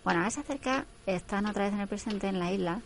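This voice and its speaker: A woman's voice: medium pitch, fast talker, a little hiss or hum. A woman giving casual, teasing running commentary on a TV episode. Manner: chatty, teasing, laughs often.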